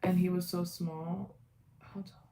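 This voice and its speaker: A woman's voice: lowish voice, level tone, unhurried, gravelly, dark tone, reverberant. A woman in her twenties hosting a casual livestream, chatty and rambling, greeting viewers by name. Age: 20s. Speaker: livestream host. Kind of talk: casual live chat with viewers.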